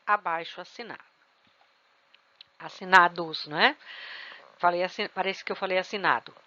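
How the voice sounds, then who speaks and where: A woman's voice: mid-range voice, pushed and bright, dry recording, dull audio. A woman teacher giving an exam-prep grammar lesson, explaining rules step by step and checking in with her students. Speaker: Portuguese teacher.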